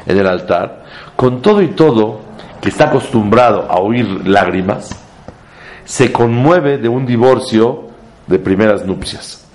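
Male rabbi teaching a Torah class, lowish voice, emphatic and climbing on key points. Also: expressive, a little slow, darkish tone. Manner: emphatic, sweeps up in pitch to stress points, mixes in Hebrew terms. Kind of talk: Torah class before a live audience.

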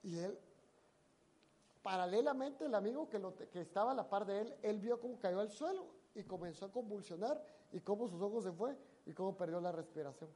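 A preacher tells a story in a sermon, dramatic, swinging between loud emphasis and hushed asides. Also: medium pitch, animated, a little fast, breathy edge.

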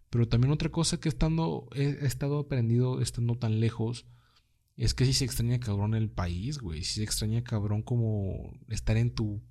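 A man's voice: fairly low pitch, darkish tone. A young man with a Mexican accent, hosting a casual solo podcast and talking in slangy, swear-heavy speech. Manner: slangy, swears freely, says "güey" constantly. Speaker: podcast host.

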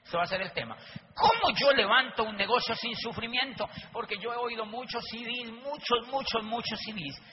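A man's voice: very high voice, moderate pace. A man giving an emphatic motivational business talk, repeating his key lines and addressing the audience directly. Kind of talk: motivational talk with acted anecdotes. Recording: dull lo-fi recording with faint noise.

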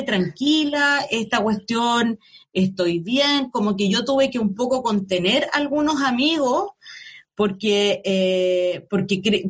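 Chilean woman, husky voice, fairly high pitch, halting interview talk. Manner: halting, searches for words. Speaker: journalist guest. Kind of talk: emotional personal interview.

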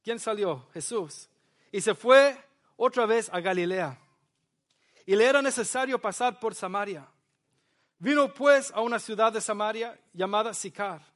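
A man preaching a sermon, reading scripture slowly and then pressing his listeners with rising, emphatic questions while an interpreter follows him. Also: high-pitched, a bit bright. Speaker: pastor. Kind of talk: bilingual sermon with live interpreter.

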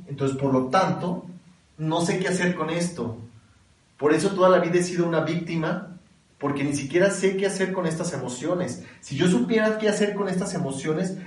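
A man's voice: on the high side, darkish tone. A man giving a spiritual lecture in a conversational way, often asking rhetorical questions and checking in with his listeners. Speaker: kabbalah teacher. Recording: echoey room, mic at a distance.

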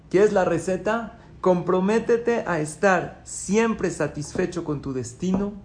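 A man, a rabbi, giving a sermon, teaching through questions and answers, now pleading loudly, now dropping to soft asides. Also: fairly high pitch.

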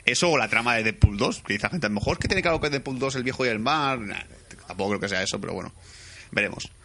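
Young man, podcast co-host, rapid animated film chat, quick pace, bright tone. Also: medium pitch, slight background noise. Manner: rapid, animated retelling with put-on voices for quotes.

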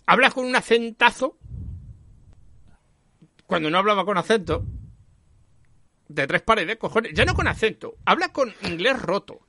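A man from talks about a film in a casual, emphatic way. His voice sits high and swings widely in pitch. It has a bright, forward tone on a dry recording. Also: a little slow, long pauses, a little hiss or hum. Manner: animated, emphatic, swears casually.

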